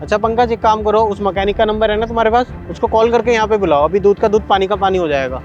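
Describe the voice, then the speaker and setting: A man presses his wife with accusing questions. His voice is high for a man and he speaks fast. Faint music sits behind him. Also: darkish tone, highs cut off. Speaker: husband in a short drama. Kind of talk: scripted short-video drama acting.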